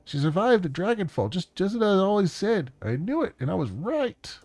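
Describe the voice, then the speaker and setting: A man voicing a jittery, excited man on an old video message, talking breathlessly and urgently. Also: sits high, normal speed, no room sound, voice pushed up. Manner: breathless, urgent, words tumbling out.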